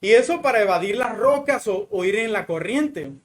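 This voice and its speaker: A man with a Mexican accent giving a conversational sermon, chatty and full of little fillers, then slowing and softening as he prays. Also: high-pitched, animated. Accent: Mexican Spanish. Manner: chatty, fills pauses with "¿no?" and "o sea"; slows down and softens when praying. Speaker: preacher. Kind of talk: conversational sermon with personal story.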